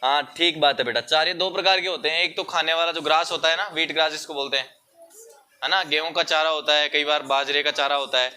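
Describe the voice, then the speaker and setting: Young guy teacher in a classroom, high bright voice, patient explaining, calls kids beta. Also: fairly even intonation, fast talker, clean tone. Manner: explains patiently, addresses pupils as beta, mixes English words. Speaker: school teacher. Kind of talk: classroom Hindi lesson.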